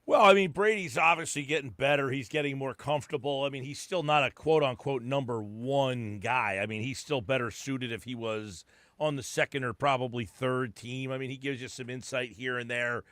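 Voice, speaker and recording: A man's voice: mid-range voice, moderate pace, a bit bright, no room sound. A man co-hosting a sports podcast, giving opinions casually with many fillers. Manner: opinionated, many fillers like "I mean" and "you know". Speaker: podcast co-host.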